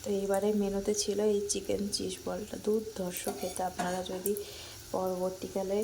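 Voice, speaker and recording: A woman chatting casually in a home vlog, talking softly with lots of fillers. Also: mid-range voice, level tone, normal speed. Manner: chatty, rambling with many fillers; talks softly so her sleeping son isn't woken. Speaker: vlogger. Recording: clear background noise.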